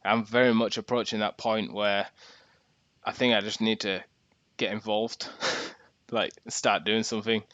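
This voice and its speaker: A man's voice: on the low side, level tone, a little slow, fairly bright tone, no echo. Yorkshire man chatting on a dry, dull mic. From Yorkshire, England. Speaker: podcast host. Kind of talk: casual chat. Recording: dull, lo-fi audio.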